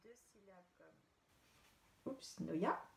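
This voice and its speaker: A woman with a French accent, a teacher, slowly and clearly talking young pupils through a reading lesson with lots of repetition. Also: fairly low pitch, animated. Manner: slow, clear, repetitive teacher talk to children. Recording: echoey room with faint noise.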